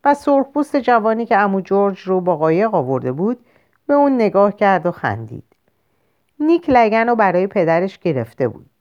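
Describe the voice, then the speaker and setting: A woman narrating a short story in a measured, expressive audiobook reading. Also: mid-range voice. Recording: lo-fi muffled recording.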